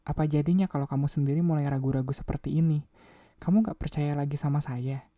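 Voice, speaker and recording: Earnest young guy coaxing and pushing, dark mellow voice, dry close sound , as the reader does him. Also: on the high side, fairly even intonation, fast, no room sound, lightly acted. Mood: desperate. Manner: coaxing, insistent. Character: young man, earnest, increasingly desperate.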